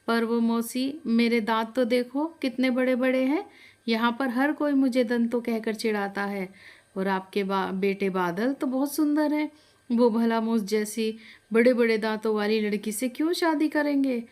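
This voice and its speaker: A woman's voice: measured pace, darkish tone, close to an everyday voice. A woman voicing a grieving, orphaned young woman who pleads through tears in a storybook tale. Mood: tearful pleading. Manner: high, crying, pleading.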